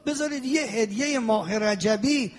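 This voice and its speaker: A man preaching a sermon as a cleric, animated, with drawn-out invocations and sing-song passages. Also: extremely high pitch. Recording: long hall reverb.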